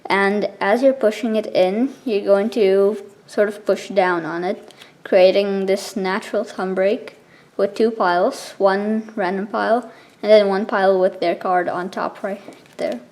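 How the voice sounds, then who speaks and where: Woman giving a halting card trick tutorial. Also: medium pitch, fairly even intonation, darkish tone. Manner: informal, explanatory, halting between steps. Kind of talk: casual step-by-step spoken tutorial.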